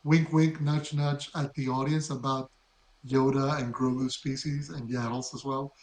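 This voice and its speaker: A man co-hosting a podcast in casual chat, reflective and measured as he explains his thinking. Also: mid-range voice, little pitch movement, a little mellow. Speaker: podcast co-host. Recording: echoey room.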